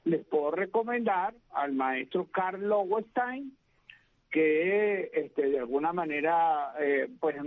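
Man from Venezuela, professor guest, higher voice, hesitant with fillers, tinny dry phone line. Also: dry recording. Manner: measured, hesitant, many fillers. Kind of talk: radio interview answer.

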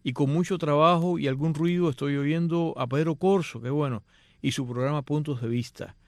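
Animated man hosting a radio show. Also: a little high, normal speed, no room sound. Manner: animated, reads emails in playful put-on voices. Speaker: radio host. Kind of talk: radio show reading listener emails. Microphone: headphones and studio mic.

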